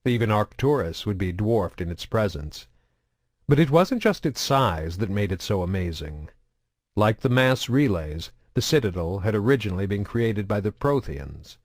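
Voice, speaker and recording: Low-voiced man reading an audiobook. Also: big pitch swings, moderate pace, no room sound, studio quality. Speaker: audiobook narrator. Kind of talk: audiobook narration.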